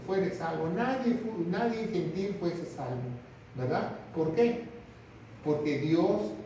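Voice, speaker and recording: A man delivers a sermon in a high, mellow voice. He acts out the quotes and keeps asking his listeners to agree. The sound is distant and booming, with faint noise underneath. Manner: animated, acts out quotes, asks the audience for agreement. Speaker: pastor. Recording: echoey room, mic at a distance.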